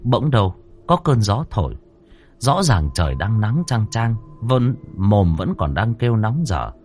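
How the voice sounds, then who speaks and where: A man narrating a ghost story audiobook in a measured, dramatic storytelling manner. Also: lowish voice, sing-song, darkish tone, husky, soft background music.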